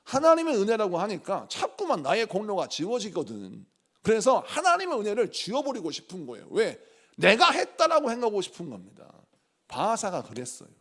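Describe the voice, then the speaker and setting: A male pastor delivers a sermon in a high, expressive voice. His pitch rises and falls sharply as he builds his points. He acts out the people in his stories, shifting into their voices and back again. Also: a little fast.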